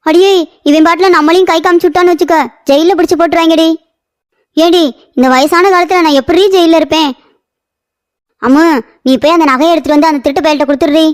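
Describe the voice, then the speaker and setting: High squawky cartoon granny type, greedy and nagging, a woman putting her on. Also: steady tone, fast. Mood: fretful. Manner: shrill, scolding, complaining. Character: greedy scolding old village mother. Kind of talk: cartoon voice acting.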